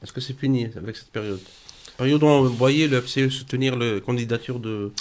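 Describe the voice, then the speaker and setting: A man's voice: mid-range voice, a little fast, a little mellow. A male interviewer asking brief questions that prompt his guest in a debate.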